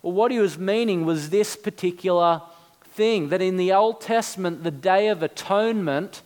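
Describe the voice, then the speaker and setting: A man preaching a sermon, earnest and building to fervent, slow emphasis on key words. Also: high voice, darkish tone. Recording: long hall reverb.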